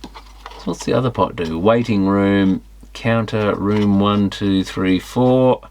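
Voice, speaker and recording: A man with a fairly low, slightly mellow voice takes it slowly as he tears down electronics, thinking aloud in casual, unscripted commentary. He's a repair hobbyist musing as he examines parts, with a little hiss or hum in the audio.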